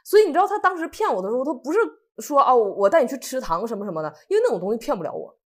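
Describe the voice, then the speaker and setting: In a casual chat, a woman co-host from Northeast China recounts something that happened to her, her fairly high voice moving rapid-fire. She's lively throughout and acts out the things people said.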